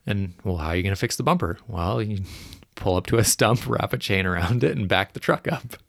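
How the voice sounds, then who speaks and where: A man's voice: lowish voice, gravelly, dry recording, studio quality. A man casually reminiscing in conversation, often restarting his sentences and laughing as he tells a story. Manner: halting, restarts and laughs while telling.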